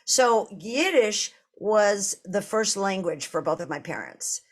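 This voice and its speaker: A woman's voice: medium pitch, lively intonation, takes it slowly. A woman in her sixties with a Boston accent, co-hosting a live podcast, telling stories with playful asides. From Boston area, US. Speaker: podcast co-host.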